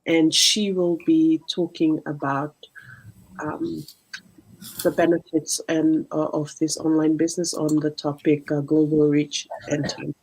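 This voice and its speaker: A woman's voice: deep voice, little pitch movement, a little slow, a little mellow, slightly rough. A woman hosting a business live stream, introducing topics and a guest with frequent fillers. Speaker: host of a business live show.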